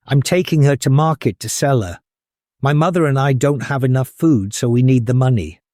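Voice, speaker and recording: A man's voice: medium pitch, moderate pace, warm tone, no room sound, clean studio sound, close to an everyday voice. A man voicing a poor, earnest, hopeful young boy in a children's storybook. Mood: doubtful.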